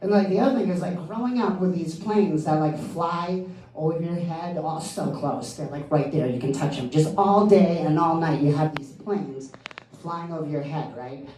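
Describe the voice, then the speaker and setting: A man's voice: a little high, normal speed, darkish tone, echoey room, far from the mic. A man with a Boston accent doing a stand-up comedy set, chatty and full of "you know" and "like". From East Boston, US. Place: comedy club stage.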